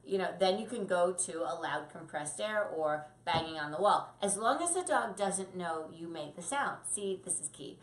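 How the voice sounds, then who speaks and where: A woman dog trainer giving casual tips to camera, lively and acting out quick voices for the puppy and the owner. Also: fairly low pitch, roomy sound.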